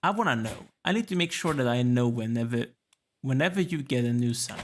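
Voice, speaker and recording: A man's voice: medium pitch, animated, brisk, slight background noise. A tired, yawning man casually commenting as he plays a strategy game, musing aloud and chatting to the characters on screen. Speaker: let's play gamer.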